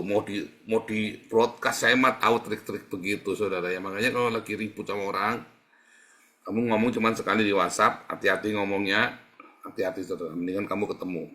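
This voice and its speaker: A man's voice: lowish voice, a bit bright. Man preaching in a chatty sermon. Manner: conversational, asks the congregation questions and answers them himself. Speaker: pastor.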